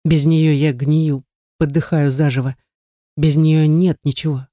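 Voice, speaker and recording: A man narrating a novel in the first person, intense and brooding, slowing down on emotional phrases. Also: a little high, level tone, dark tone, no echo, clean studio sound. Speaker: audiobook narrator.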